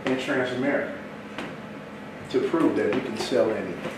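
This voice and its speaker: Man, motivational sales seminar talk, animated and repetitive, noisy room, heard from afar. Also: mid-range voice, moderate pace. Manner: animated, repetitive, preacher-like rhythm. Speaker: seminar speaker. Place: event hall with live audience. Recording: echoey hall, far from mic, noisy room.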